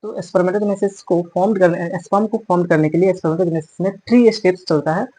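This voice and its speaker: This biology teacher speaks Hindi sprinkled with English words, lecturing as if in a classroom and repeating and correcting terms along the way. He has a high, warm voice with a steady tone and moderate pace. The audio is rough.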